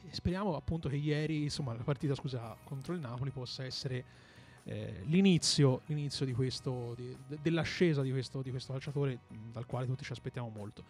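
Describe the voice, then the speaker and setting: A man's voice: medium pitch, a little fast, few pauses, darkish tone, faint music behind. A man co-hosting a football discussion, analysing conversationally and often searching for words and repeating himself. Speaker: football pundit and co-host. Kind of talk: conversational match commentary and analysis.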